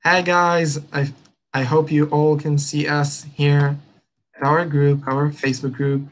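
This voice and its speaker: A man's voice: on the high side, little pitch movement, slow pace. A man hosting a live stream interview over a video call, hesitant and full of fillers. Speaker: host.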